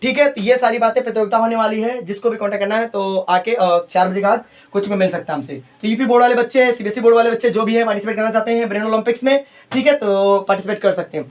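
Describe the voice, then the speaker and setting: At a coaching class, a man with a voice that sits high teaches chemistry, calling his students "beta." He slowly repeats key terms and mixes in English phrases.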